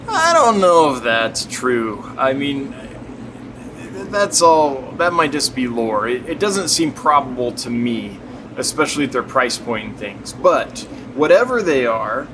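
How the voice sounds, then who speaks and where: A man giving a casual, enthusiastic, unscripted tour of the stock in an indoor fish warehouse as the seller. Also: mid-range voice. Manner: enthusiastic, chatty. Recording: clear background noise, humming ventilation.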